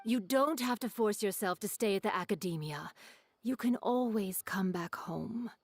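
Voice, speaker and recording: A woman playing a worried, soothing middle-aged mother in a video game, with a husky, creaky voice. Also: medium pitch, normal speed, no room sound, close to an everyday voice. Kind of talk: video game character acting.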